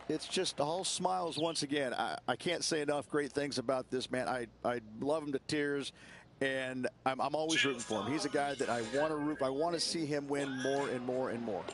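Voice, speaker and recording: A man's voice: fairly high pitch, close to an everyday voice. A man giving golf broadcast commentary as a course analyst, conversational and emphatic. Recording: clear background ambience noise.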